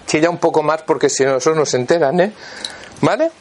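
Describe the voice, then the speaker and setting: A man's voice: on the high side, animated, fairly quick, darkish tone. A man, a therapist guiding a volunteer through a live demonstration before an audience and checking in constantly as he instructs.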